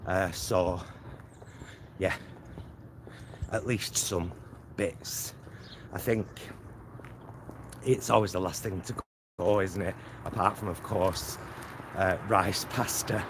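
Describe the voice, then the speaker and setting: Filming himself in selfie mode on a handheld camera, a vlogger walks outdoors near a supermarket and roads, thinking aloud in a casual, rambling way. His low voice stays steady and he speaks slowly. Loud street and traffic noise fills the recording.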